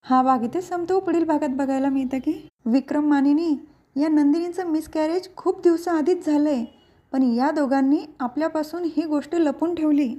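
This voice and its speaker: A woman narrating an episode recap of a TV family serial, retelling it lively and voicing the characters' quoted lines. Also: high-pitched, normal speed.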